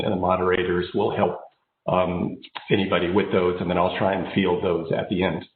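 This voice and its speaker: An American engineering executive in his fifties gives an informal, personal keynote remotely while fighting a slight head cold. Born in Japan and raised overseas before settling in the United States, he has a voice that sits low. The phone-like narrow-band audio has roomy echo and a little hiss or hum.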